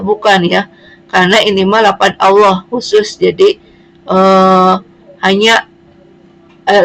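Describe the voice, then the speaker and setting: A woman's voice: medium pitch, gravelly, rough recording. A woman teaching Quran reading, explaining patiently and spelling out letters one at a time. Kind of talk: slow classroom explanation.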